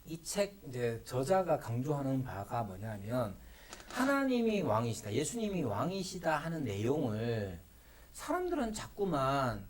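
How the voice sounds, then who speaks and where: A man, a pastor, teaching a Bible study class in a church classroom, asking rhetorical questions and acting out playful mock prayers. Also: fairly high pitch.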